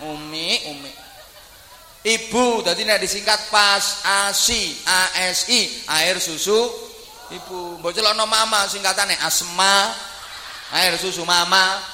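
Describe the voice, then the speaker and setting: A male preacher, his voice high and piercingly bright. He swings between playful jokes and loud, fervent declamation. The sound rings out with long reverb across a large hall, with faint room ambience behind. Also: takes it slowly, slight background noise. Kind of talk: humorous sermon.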